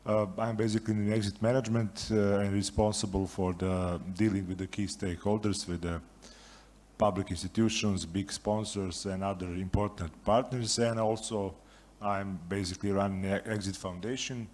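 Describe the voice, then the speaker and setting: Deep-voiced festival manager from Serbia. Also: male voice, steady tone, moderate pace, darkish tone. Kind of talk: conference panel introduction.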